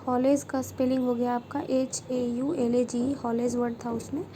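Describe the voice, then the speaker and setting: A woman teaching shorthand, slowly repeating each word as she demonstrates it. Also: fairly high pitch, flat delivery, noisy background. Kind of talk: instructional lesson.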